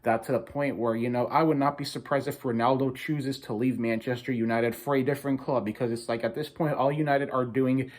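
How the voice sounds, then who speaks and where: A man's voice: mid-range voice, steady tone, a little fast, few pauses. A man hosting a casual football recap video, complaining emphatically and informally as he repeats his points. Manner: informal, repetitive, emphatic complaining with mild swearing. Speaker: football fan video host. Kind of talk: casual opinionated match recap.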